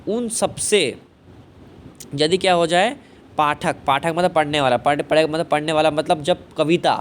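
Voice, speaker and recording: A man's voice: on the high side, moderate pace. A man teaching a poetry lesson, repeating himself, asking and answering his own questions, with frequent fillers of "thik hai" and "bhai". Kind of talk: explaining a Hindi poetry lesson. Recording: faint background noise.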